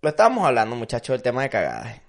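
Animado venezolano bromista, voz viva. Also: male voice, medium pitch, racing. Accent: Venezuelan Spanish. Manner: joking, crude, animated storytelling. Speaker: podcast co-host. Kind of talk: casual chat. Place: living in Madrid.

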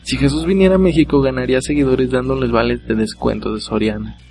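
A Mexican man with a gravelly, creaky voice runs his own comedy podcast. He talks in a casual, slangy way, reels off one joke after another and chuckles at his own punchlines. Faint music plays behind him. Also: mid-range voice, steady tone, quick pace, a little mellow. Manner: joking, laughs at own jokes. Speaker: podcast host. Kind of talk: solo comedic podcast monologue.

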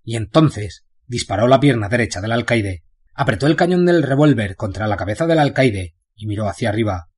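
Husky man reading a novel aloud. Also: mid-range voice, fairly quick. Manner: steady, dramatic storytelling. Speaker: audiobook narrator. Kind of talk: scripted novel narration.

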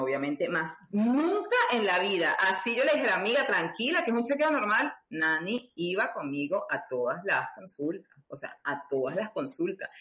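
A woman's voice: fairly low pitch, fairly bright tone. A woman telling a personal story, chatty, with many fillers and acted-out dialogue. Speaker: guest. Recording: roomy echo.

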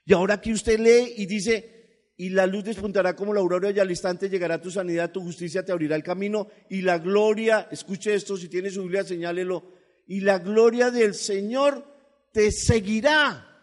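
Man preaching in a reverberant church hall. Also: a little fast. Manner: animated preaching, swings from loud emphatic bursts to low quiet asides. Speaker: pastor. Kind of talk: sermon.

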